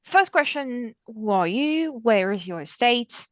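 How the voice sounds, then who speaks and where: A woman's voice: fairly high pitch, expressive, slow, no echo, studio quality. A woman chatting casually as a player in a tabletop role-playing game.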